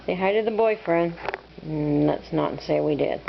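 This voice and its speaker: A woman's voice: low-pitched, normal speed, creaky. A woman filming her pet budgie at home, talking to it in a playful, teasing, sing-song way. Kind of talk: cooing baby talk to a pet bird. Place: at home by a birdcage. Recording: dull lo-fi home video with faint hiss.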